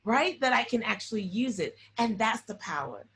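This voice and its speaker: A woman guest in a casual interview, telling stories in an animated way and often checking in with "right?". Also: on the high side, moderate pace.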